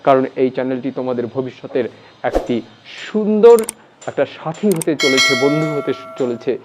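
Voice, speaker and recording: A man teaching a spoken English lesson, slowly contrasting wrong and right pronunciations. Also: mid-range voice, animated, noisy background.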